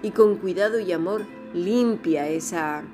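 A woman's voice: fairly low pitch, unhurried, warm tone, faint music behind. A woman teaching an online Bible class, explaining word meanings and often asking rhetorical questions.

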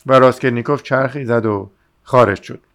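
A man narrating a classic novel as an audiobook in a steady, measured reading. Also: mid-range voice. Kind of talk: scripted narration.

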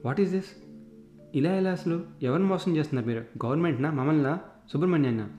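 A man's voice: mid-range voice, fairly even intonation, a little fast, mellow, roomy sound, faint music behind, lightly acted. A male storyteller voicing a determined middle-aged man who presses with eager questions. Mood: indignant.

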